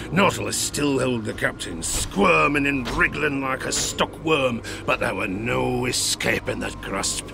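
An older man gives a gravelly, theatrical performance in a mid-range voice as a grizzled old harpooner recounting a sea tale in a tavern for an audio drama. The character is boastful and haunted, speaking in salty sailor's dialect with chuckles and theatrical asides.

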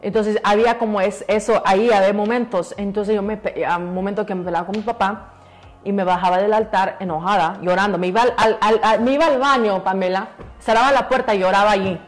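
A woman's voice: mid-range voice, fairly even intonation, quick pace, soft background music. A woman, a pastor's daughter, giving an earnest testimony in an interview, repeating phrases for emphasis and slipping in English words. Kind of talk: emotional testimony in a church interview.

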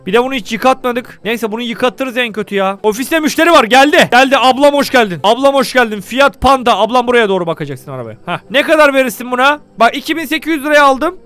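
High, fast-talking excitable gaming man. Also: soft background music. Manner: excitable, rowdy, jokingly insulting. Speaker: gaming YouTuber. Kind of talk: let's-play commentary.

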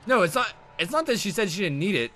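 Profane, animated young man streaming. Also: quick pace, a little hiss or hum. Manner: excitable and profane, swings between loud outbursts and low mutters. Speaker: streamer playing a survival horror game. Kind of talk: live-stream gameplay commentary.

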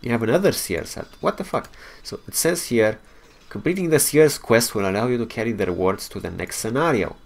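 A man's voice: fairly low pitch, lively intonation, brisk, gravelly, hardly any pauses. A man hosting a let's play, thinking aloud in casual gameplay commentary, swearing freely and laughing at his own mistakes.

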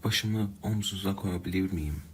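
A man reading the quoted lines of a heartbroken young woman as part of a storybook story, in a soft, resigned manner. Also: low-pitched, normal speed, slight background noise, close to an everyday voice. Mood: tender.

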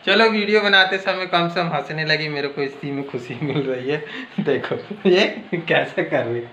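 A man's voice: fairly high pitch, normal speed, pushed and bright, echoey room, a little hiss or hum. A man chatting casually to viewers in a home vlog, filming on his phone in the kitchen. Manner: chatty, addresses viewers as friends. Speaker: vlogger.

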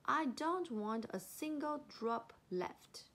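A woman voicing a fair male animal king in a storybook reading, measured and regal. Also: fairly high pitch, expressive, fairly bright tone, full character voice. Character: proud, fair old male lion-like king.

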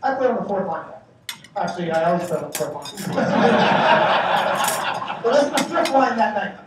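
A man in his forties speaking as master of ceremonies at an awards banquet, telling a lively, joking story and acting out the shouting. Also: high-pitched, brisk, noisy background. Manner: animated, joking anecdotes with acted-out shouting. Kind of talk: after-dinner storytelling speech. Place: large banquet hall. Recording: echoey hall from far off, faint dish clatter.

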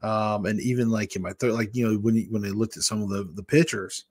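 In a small room at home, a weight-loss vlogger from Michigan in his fifties runs a casual live chat, speaking into a large desk microphone before a webcam. His voice is lowish and darkish, with fairly even intonation and a slightly fast pace. He talks openly, rambling between stories.

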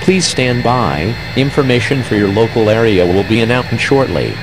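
A man announcing a national emergency alert that breaks into regular programming, in a flat, measured official delivery. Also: mid-range voice, background noise. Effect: emergency alert broadcast cutting into regular programming.

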